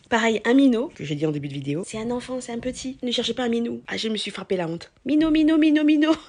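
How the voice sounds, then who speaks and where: A woman comedian chatting casually and humorously to camera, animated and jokey, slipping in playful imitations as she goes. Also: on the high side, quick pace, breathy edge. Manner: often breaking into laughter at own jokes. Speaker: comedian promoting her stage show.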